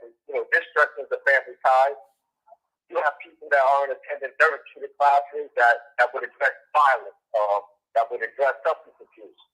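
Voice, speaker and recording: A man calling in on a prison phone line as a guest, speaking earnestly and in a measured way. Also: a little high, sharp tone. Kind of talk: earnest explanatory talk. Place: prison telephone call. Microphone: phone handset.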